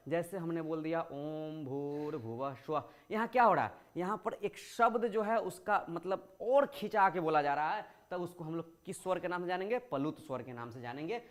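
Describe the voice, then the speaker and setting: A male teacher with a voice that sits high gives school students a grammar lesson. He explains patiently, asks questions and answers them himself, and stretches out words to show vowel length.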